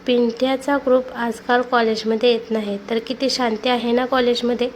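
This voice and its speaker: Woman voicing a gossipy young college girl, storybook, higher-pitched. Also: little pitch movement, normal speed, a little hiss or hum, close to an everyday voice. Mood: relieved. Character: chatty young female college student.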